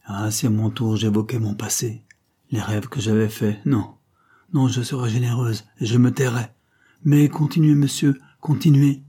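A man's voice: mid-range voice, fairly even intonation, moderate pace, warm tone, breathy edge, close to an everyday voice. A man voicing a cold, stern young duchess in an audiobook, speaking in an icy, implacable tone. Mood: agitated. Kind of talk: audiobook character reading.

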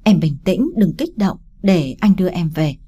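A kind young male coworker, calm and comforting, as a woman narrator voices him. The voice is low, mellow and a little husky. An audiobook story voice. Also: normal speed. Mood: soothing. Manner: soothing, calm.

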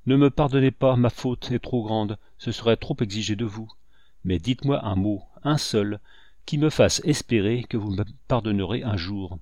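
Brief: male reader doing a contrite captain begging forgiveness, fairly low voice, dry close sound. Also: moderate pace, darkish tone, dry recording, lightly acted. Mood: pleading, contrite. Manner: humble, pleading, contrite. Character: devoted, remorseful male captain, humble and pleading.

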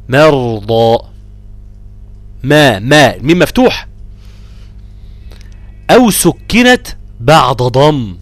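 Lively Egyptian man teaching recitation. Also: medium pitch, dry recording. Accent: Egyptian Arabic. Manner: lively, drawn-out chanting of verse examples; quizzes students, repeats rules. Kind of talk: live tajweed lesson.

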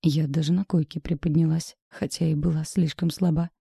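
A woman narrating a first-person audiobook in a measured, intimate, introspective way, with a husky voice. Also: low voice, flat delivery, dark tone, no echo, clean studio sound.

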